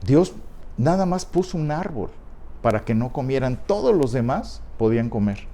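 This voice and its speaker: Mexican pastor giving a sermon, soft mellow voice, repeats words to drive it home. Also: male voice, mid-range voice, sing-song, moderate pace. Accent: Mexican Spanish. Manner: explanatory, repeats key words for emphasis.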